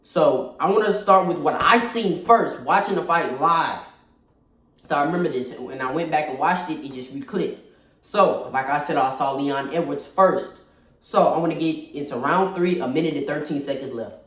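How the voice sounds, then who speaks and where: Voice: mid-range voice, moderate pace, a bit bright. A person giving casual, opinionated fight analysis, stressing and repeating points, recorded in a very echoey space away from the mic. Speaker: combat sports commentator. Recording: very echoey room, distant mic.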